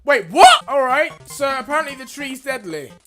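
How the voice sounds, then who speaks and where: Female gamer, high, very animated; excitable commentary with constant swearing and yelps. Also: normal speed, loud music behind the voice. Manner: excitable, shouting and swearing at the game. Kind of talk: gameplay commentary.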